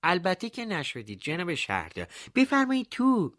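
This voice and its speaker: A man's voice: high-pitched, wildly swooping pitch, fairly bright tone, dry recording, studio quality, heavily acted. A man voicing a nervous, deferential male village baker. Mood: flustered.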